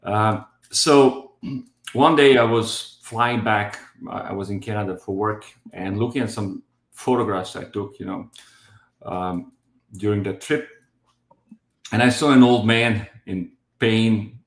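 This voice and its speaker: A man's voice: on the low side, slow, echoey room. Man in his fifties, hesitant. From Croatia. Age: 50s. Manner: hesitant, many fillers and restarts. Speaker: guest sharing his diet story. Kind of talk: casual testimonial.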